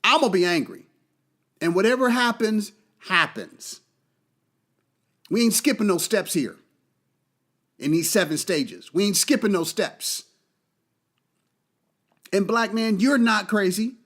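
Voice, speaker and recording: Fiery, high-pitched man on a podcast. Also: expressive, slow, pauses often, a bit bright. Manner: emphatic, profane, repeats key phrases for force. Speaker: podcast host. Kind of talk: impassioned monologue.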